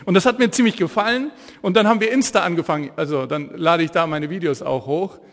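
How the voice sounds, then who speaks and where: Fervent male evangelist in his forties, lively storyteller, high voice, echoey church hall. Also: quick pace. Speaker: evangelist preacher. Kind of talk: energetic sermon with Bible storytelling.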